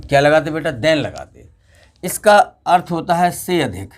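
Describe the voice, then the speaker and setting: A man's voice: fairly high pitch, animated, normal speed. A man teaching a classroom grammar lesson, asking his students questions and then repeating the answers himself.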